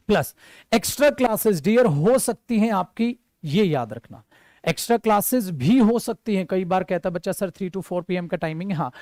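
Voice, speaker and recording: A man's voice: high voice, darkish tone, no echo, studio quality. A man, teaching spoken English to his students and acting out example sentences. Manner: addresses students as dear, acts out example sentences. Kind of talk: promotional class talk.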